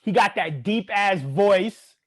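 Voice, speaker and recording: A man co-hosts a loose, casual talk show. His voice sits a little high and moves all over the place. He jokes, swears and laughs through the banter. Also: slow pace. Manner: animated, profane, laughing banter. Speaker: podcast co-host. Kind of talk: casual chat.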